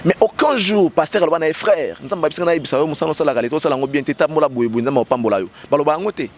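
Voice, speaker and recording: A man in his thirties with a Congolese French accent and a cold speaks in a slightly high voice at a quick pace. As an interview guest on a street beside parked cars, he talks passionately and emphatically into the interviewer's handheld mic with a fur windscreen, gesturing and using lots of "bah" fillers.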